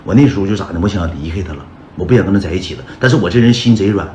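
A man's voice: sits low, racing, a little hiss or hum. A man with a Northeastern Mandarin accent telling his own story on a livestream. He talks in a chatty way and keeps calling out to the viewers as brothers. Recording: roomy echo with loud background music.

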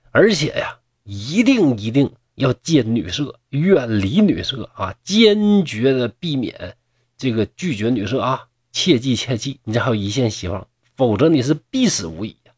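A man voicing a grave older male doctor who speaks in solemn, hushed warnings. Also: medium pitch, breathy edge, dry recording, clean studio sound.

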